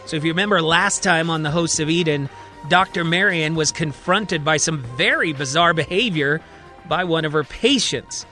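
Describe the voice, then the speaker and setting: A man's voice: on the high side, moderate pace, sharp tone, faint music behind. A man narrating his own audio drama in a conversational, recapping storyteller manner. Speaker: writer and narrator.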